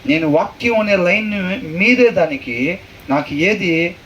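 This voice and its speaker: A man teaching a Bible lesson as a pastor, questioning his listeners and repeating verses slowly. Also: sits high, expressive, a bit bright, highs cut off. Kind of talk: conversational sermon with questions to the room. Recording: far from the mic, faint noise.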